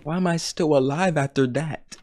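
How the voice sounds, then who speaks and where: A man's voice: on the high side, normal speed, darkish tone. A young man playing a horror game as a streamer, jumpy and scared, muttering one moment and shrieking the next, and saying "bro" constantly. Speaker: gaming streamer.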